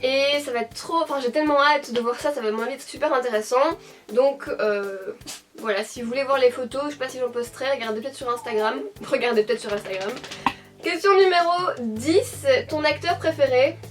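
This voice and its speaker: High-voiced Belgian woman chatting to camera. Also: brisk, far from the mic, soft background music. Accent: Belgian French, Hainaut. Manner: chatty and rambling, with frequent fillers and self-corrections. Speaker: beauty YouTuber answering a tag. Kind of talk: casual chat to camera. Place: at home, indoors.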